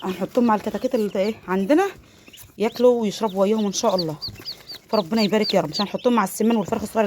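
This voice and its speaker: Fast-talking Egyptian woman. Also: medium pitch, a little mellow, slight background noise. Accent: Egyptian Arabic. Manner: chatty, devout, sprinkles blessings; nervous, laughing while handling a biting duck. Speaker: poultry-raising vlogger. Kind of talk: casual vlog, talking to viewers. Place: poultry coop, indoors. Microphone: phone held while filming.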